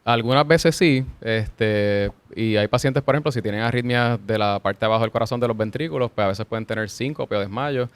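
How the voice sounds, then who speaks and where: A man speaks quickly as a cardiologist guest, explaining things step by step with little restarts. His voice is smooth and clear, recorded dry and close. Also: medium pitch, no room sound. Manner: measured, explanatory, frequent small restarts. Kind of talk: explanatory interview answers.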